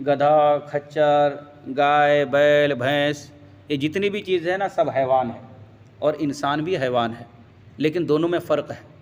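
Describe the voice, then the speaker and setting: Man teaching a religious lesson in a hall. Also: a little high. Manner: explanatory, quotes Arabic verses, asks and answers his own questions.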